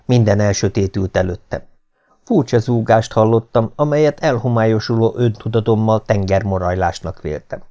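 A man reading an adventure novel aloud as an audiobook in a steady, measured storytelling manner. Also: fairly low pitch, highs cut off. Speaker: audiobook reader. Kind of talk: scripted narration.

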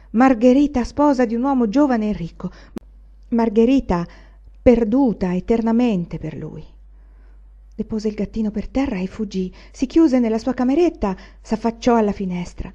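A woman reading a novel aloud in a measured, expressive narration. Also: mid-range voice. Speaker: audiobook reader. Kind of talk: literary audiobook narration. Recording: dull lo-fi recording.

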